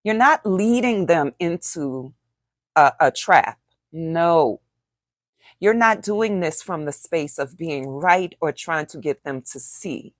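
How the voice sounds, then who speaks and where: A woman's voice: low-pitched, animated, takes it slowly, no room sound, studio quality. A middle-aged woman teaching in a conversational way, acting out example phrases and asking rhetorical questions. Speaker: author and coach.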